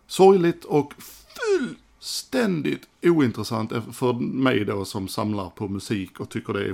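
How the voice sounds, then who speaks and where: A man's voice: on the low side, vocal fry. A man giving casual, frank commentary as a music collector, swearing casually as he talks through old footage.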